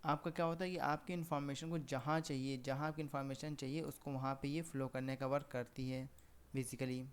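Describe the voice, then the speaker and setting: A man's voice: medium pitch, flat delivery, a little fast, clear, resonant tone. A young Indian man giving a classroom lecture, talking conversationally, correcting himself and asking rhetorical questions. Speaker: teacher. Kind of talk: classroom lecture mixing Hindi and English.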